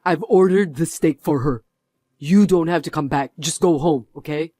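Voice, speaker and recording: A stern executive husband lays down the law in a firm, scolding way, as a man acts him out. His voice sits a bit high for a man and sounds close and dry. The dubbed-drama delivery stays steady. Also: normal speed, no echo, lightly acted.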